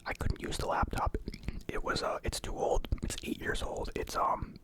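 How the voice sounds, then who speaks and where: A young man whispering in a casual, halting, rambling ASMR style, close to the microphone. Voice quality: whispered, unvoiced. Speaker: ASMR mukbang creator. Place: indoor room at home.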